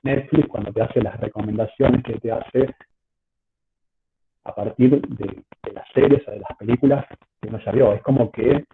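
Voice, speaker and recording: Here the lecturer's medium-pitched voice is creaky but steady, at a moderate pace. He is a university statistics teacher with an Argentine Spanish accent, explaining hesitantly and repetitively in an informal online lecture, and the call audio is choppy with faint noise and clicks.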